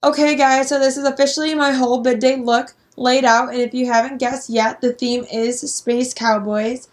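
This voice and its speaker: A young woman with a slightly high voice talks in a casual vlog style. She has a bubbly, gushing sorority-girl way of speaking, though her pitch stays fairly even rather than swooping. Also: moderate pace, faint music behind. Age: young adult. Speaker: vlogger, sorority member.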